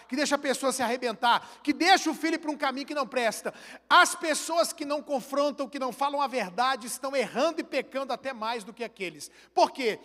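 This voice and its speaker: High-voiced Brazilian pastor preaching. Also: male voice. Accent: Brazilian Portuguese. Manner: animated storytelling, acts out dialogue. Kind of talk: sermon. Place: large church hall. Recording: long church hall reverb.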